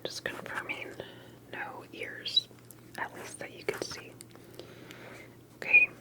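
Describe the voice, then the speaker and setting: Whispering softly and breathily, a woman takes her time asking questions with gentle care during an ASMR interview roleplay, keeping a slow pace.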